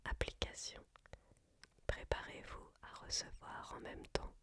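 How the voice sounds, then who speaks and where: A voice reading a book aloud as ASMR in a hushed library whisper, measured and unhurried. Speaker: reader.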